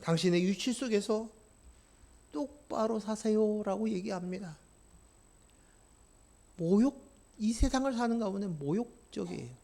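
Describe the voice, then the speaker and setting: A male pastor preaching a sermon, impassioned and swinging from quiet to loud, often putting questions to the congregation. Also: high voice, expressive, normal speed, vocal fry, long pauses.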